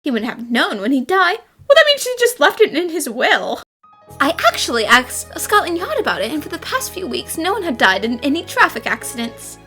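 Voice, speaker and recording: A woman playing an excitable, theatrical young female detective in an overacted anime-style fan dub. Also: high voice, a little fast, heavily acted. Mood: insistent. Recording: voice over faint music. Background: faint music.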